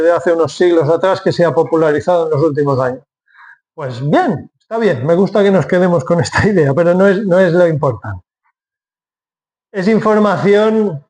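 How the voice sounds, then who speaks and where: A man's voice: high-pitched, a little mellow. A man preaching a sermon from Spain, explaining step by step and asking then answering his own questions.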